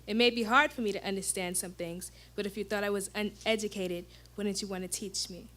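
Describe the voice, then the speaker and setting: A woman's voice: mid-range voice, fairly even intonation, fairly quick, a bit bright. A woman delivering a reasoning, questioning monologue on stage.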